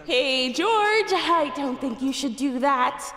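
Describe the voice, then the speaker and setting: A woman's voice: sits high, lively intonation, slow, a bit bright, faint music behind, heavily acted. A woman voicing a wry, awkward young female stand-in for Death in a cartoonish video game, casual in delivery.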